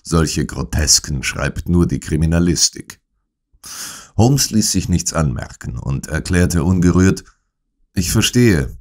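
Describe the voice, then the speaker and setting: A man narrating an audiobook in first person, in a measured, dry storytelling manner. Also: very deep voice, lively intonation, a little mellow.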